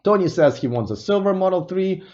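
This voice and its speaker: A man's voice: high-pitched, expressive, fairly quick, darkish tone, highs cut off. A man from Russia hosting an electric car news stream, casually reading viewer comments and thinking aloud with restarts and musing asides.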